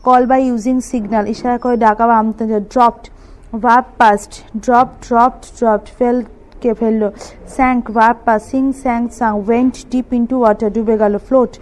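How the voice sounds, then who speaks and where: Slow, deliberate Bengali-accented woman tutor. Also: a little high, level tone, a little mellow, slight background noise, low-quality recording. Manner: spells words letter by letter, slow and deliberate. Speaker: English tutor. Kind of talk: reading out a vocabulary list.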